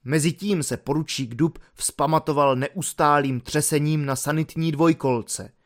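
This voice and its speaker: A man narrating a novel as an audiobook in a lively, expressive storytelling manner. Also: a little high.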